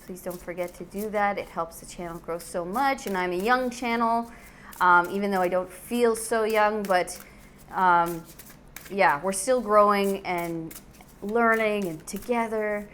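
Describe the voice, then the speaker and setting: With a medium-pitched, somewhat bright voice, a woman hosts a relaxed, chatty tarot reading for her channel. She speaks to her viewers with effusive affection, and a faint hiss or hum sits under the audio.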